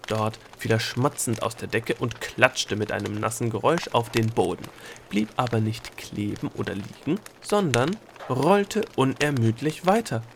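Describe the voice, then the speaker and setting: A man narrating a children's fantasy book in a steady, measured reading voice. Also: mid-range voice, background noise. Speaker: audiobook narrator. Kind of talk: scripted storybook narration.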